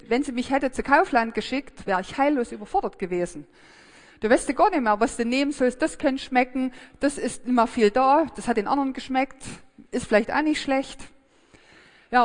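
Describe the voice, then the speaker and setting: A woman's voice: a little high, big-room sound. A woman giving a sermon, thinking aloud in a hesitant, reflective way with frequent fillers and restarts.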